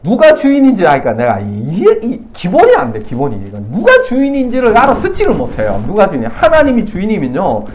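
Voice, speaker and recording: A male pastor preaches in a blunt, everyday way, jumping from loud bursts to near-mutters and laughing often. His fairly high voice swings wildly up and down. A faint hiss of background noise sits under the church recording. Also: wildly swooping pitch, fast, hardly any pauses, poor audio. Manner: blunt, colloquial preaching with sudden shouts and drops to near-mutters; laughs often mid-sermon. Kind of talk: sermon.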